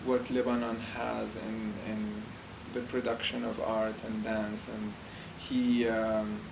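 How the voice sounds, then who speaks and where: Man, interview answers, measured and hesitant, flat even delivery, distant mic, noisy room. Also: fairly low pitch. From Iraq. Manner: measured, thoughtful, many pauses and fillers. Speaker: dancer, choreographer. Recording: distant mic with clear background noise.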